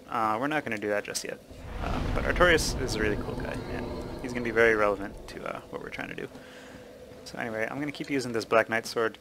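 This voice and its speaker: A man hosting a let's play, explaining the game casually with many fillers and pauses. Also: fairly low pitch, gravelly, slight background noise, poor audio. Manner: relaxed, explaining with many ums and uhs. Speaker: gaming channel host.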